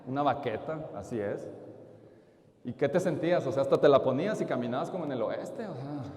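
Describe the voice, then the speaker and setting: A man's voice: mid-range voice, fairly quick. A man, a lay preacher at a retreat, telling a story in a sermon and asking the audience questions. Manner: lively, asks the audience questions. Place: large church. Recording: echoey church hall.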